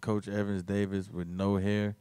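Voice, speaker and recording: Guy cohosting sports radio, low voice, jokey slang, dry studio mic. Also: level tone, measured pace, dark tone, smooth, no room sound. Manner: joking, teasing, slangy. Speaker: radio co-host. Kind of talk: casual banter.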